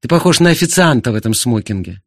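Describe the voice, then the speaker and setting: A man voicing a jealous, blustering husband who shouts indignantly in an audiobook. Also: medium pitch, expressive, fast, no echo, clean studio sound. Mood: furious. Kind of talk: audiobook character voice.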